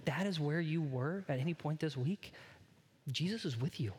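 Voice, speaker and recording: At a moderate pace, a pastor preaches in a slightly mellow voice on the high side, with the sound of a big room around him. He keeps his sermon earnest and conversational, often addressing his listeners head-on.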